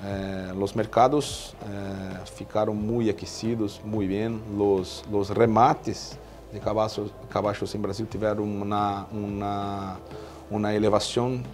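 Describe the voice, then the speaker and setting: A man in his thirties, a veterinarian, answering interview questions in Spanish with a Brazilian Portuguese accent, halting with many fillers and restarts, recorded on a lapel mic at an indoor stand. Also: on the low side, little pitch movement, darkish tone. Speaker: veterinarian in equine nutrition.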